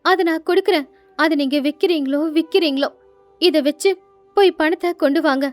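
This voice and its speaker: A poor young wife, devoted and tender, as a woman voices her in a storybook tale. Her voice is high and pleading, with soft music underneath. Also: brisk, close to an everyday voice.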